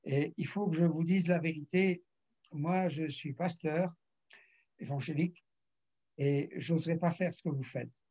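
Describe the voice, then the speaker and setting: A pastor in his later years tells a testimony from the pulpit, acting out each exchange and often clearing his throat. His voice sits a little high, gravelly and husky. The recording sounds muffled and lo-fi. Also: a little mellow. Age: older. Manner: storytelling, acts out dialogue, frequent throat clearing. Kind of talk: sermon testimony.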